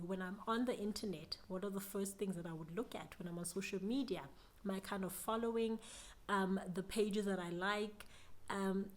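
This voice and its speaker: A young South African woman with a South African accent, giving an earnest, reflective motivational talk to camera about business. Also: medium pitch. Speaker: business vlogger.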